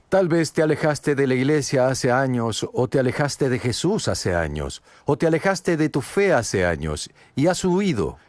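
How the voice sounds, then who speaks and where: A man's voice: medium pitch, no echo. A man preaching a sermon, earnest and direct, asking many rhetorical questions and speaking straight to the listener. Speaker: pastor.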